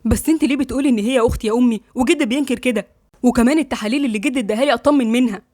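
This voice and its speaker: A woman's voice: a little high, rapid-fire, dark tone, dry recording, studio quality, natural voice. A woman with an Egyptian accent voicing a proud, angry young man, in a tense, clipped way. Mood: pleading.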